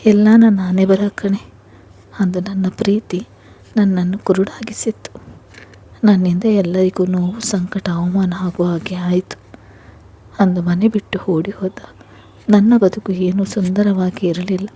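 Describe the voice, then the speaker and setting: A woman's voice: medium pitch, flat delivery, measured pace, long pauses, warm tone, breathy edge. A woman reading the lines of a weary, regretful elder sister in a spoken story, subdued and resigned.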